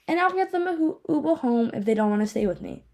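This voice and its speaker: Her voice sits high with a darkish tone and some vocal fry, and she talks at a quick pace with lively intonation. She's a young woman podcast host with a speech impediment, rambling candidly and self-deprecatingly in a casual solo chat from her home office.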